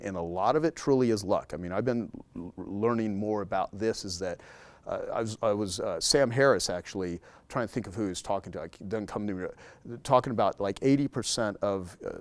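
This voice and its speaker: As a guest in a casual interview, a man speaks emphatically, repeating key words to drive his point home. His voice is lowish and there is no echo.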